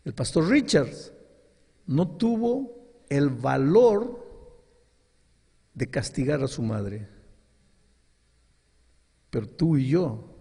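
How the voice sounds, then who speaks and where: A man's voice: mid-range voice, vocal fry, mellow, husky. A male pastor preaching a sermon, telling a story and acting out its dialogue with dramatic rises in his voice. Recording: long hall reverb.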